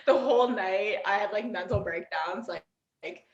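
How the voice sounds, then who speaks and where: A young adult woman, a podcast guest, telling a story in lively, casual chat, acting out quotes and leaning heavily on "like.". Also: mid-range voice, normal speed. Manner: animated, acts out quotes, many "like" fillers. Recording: roomy, dull-sounding.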